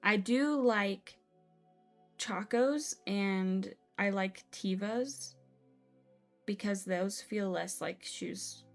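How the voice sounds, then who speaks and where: A woman's voice: medium pitch, drawn-out words, soft background music. A young woman live-streaming a building game, chatting casually with her viewers in a bubbly, exclamatory way. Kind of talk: casual live-stream chat while playing.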